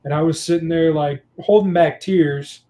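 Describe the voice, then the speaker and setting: Mellow-voiced young man telling stories. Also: a little high, moderate pace. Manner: storytelling, animated, many fillers. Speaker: guest and teacher. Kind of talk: casual podcast chat.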